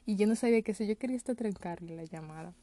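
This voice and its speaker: A woman tells her vlog audience a casual personal story, chatty and mixing in English call-center work words. She talks rapid-fire in a mid-range voice with a dark tone.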